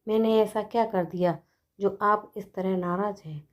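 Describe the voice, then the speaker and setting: A woman storyteller voicing a gentle young daughter-in-law who pleads and soothes. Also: mid-range voice, normal speed, lightly acted. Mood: pleading.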